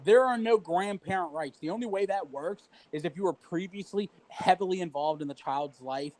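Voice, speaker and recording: A man's voice: sits high, moderate pace, darkish tone, low-quality recording. A man co-hosting a casual livestream chat, ranting heatedly with profanity and mocking quotes. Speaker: livestream co-host.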